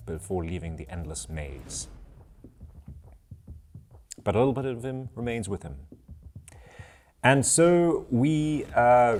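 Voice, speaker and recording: A man's voice: sits low, a little mellow, slight background noise. A South African man acting as game master, recapping the last session in a loose, chatty way full of ums and uhs.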